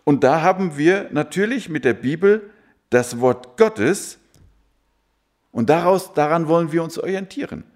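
A man's voice: a little high, animated, measured pace. A man preaching a sermon who keeps asking his listeners rhetorical questions.

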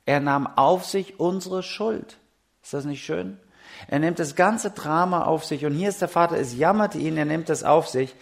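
A middle-aged man preaching a sermon, chatty and animated, swinging from soft asides to loud, emphatic peaks. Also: on the high side, normal speed, gravelly. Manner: chatty, asks the audience questions and laughs.

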